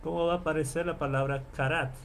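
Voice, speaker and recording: A man lecturing as a professor in an online class, explaining and repeating terms slowly and checking in with his listeners often. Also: on the high side, steady tone, slight background noise. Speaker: Bible professor.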